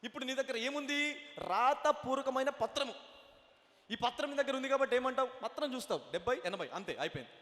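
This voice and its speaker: A male pastor with a very high voice delivers a sermon. He keeps asking the congregation questions and slips English lines into his preaching. His voice rings with long reverb in a church hall. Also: animated, fast, fairly bright tone. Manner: preaching with rhetorical questions, mixing in English phrases.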